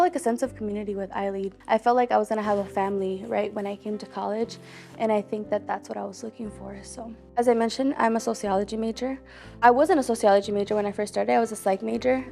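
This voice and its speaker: Young female college student born in Mexico, raspy low fry at phrase ends, casual earnest testimony, faint music underneath. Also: darkish tone. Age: young adult. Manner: casual, lots of "like" fillers, earnest. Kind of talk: personal testimony.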